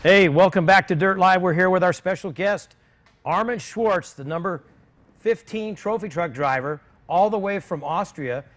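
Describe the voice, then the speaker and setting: A male TV host with a somewhat high voice leads a casual racing interview. He talks loosely and chattily, filling gaps with easy phrases. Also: moderate pace, a bit bright. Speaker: show host.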